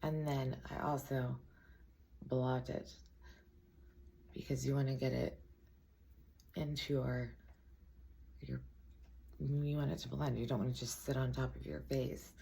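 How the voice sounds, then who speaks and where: Raspy gravelly woman chatting thru a makeup tutorial, jokey about herself, some noise in the background. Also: rumbling low, flat delivery, unhurried, pauses often, warm tone. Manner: chatty, self-deprecating asides.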